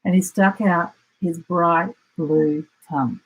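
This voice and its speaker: A woman with an Australian accent, reading a children's story aloud in an expressive storytelling style. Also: on the low side, takes it slowly, breathy edge, rough recording. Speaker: storybook reader.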